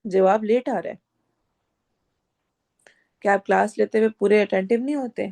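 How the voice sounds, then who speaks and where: A woman's voice: mid-range voice, gravelly, warm tone. A woman teaching recitation rules in an online class, firmly correcting and explaining each sound step by step. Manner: breaks verses into syllables and explains each rule in turn.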